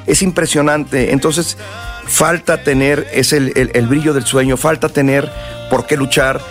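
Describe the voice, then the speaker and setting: A man's voice: medium pitch, measured pace, soft background music. A man with a Mexican accent, a singer from the north of the country and South Texas, chatting as a guest in a casual interview, loose and slangy, hungover and tired. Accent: Mexican Spanish. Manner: relaxed, slangy, rambling with many restarts.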